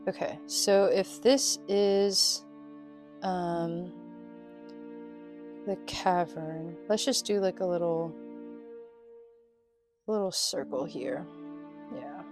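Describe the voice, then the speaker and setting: A woman with a slightly low voice narrates and hosts a solo tabletop adventure. She takes her time, speaking slowly, with light music behind her. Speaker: host and player of a solo tabletop role-playing game. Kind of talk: story narration and casual game commentary. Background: soft music.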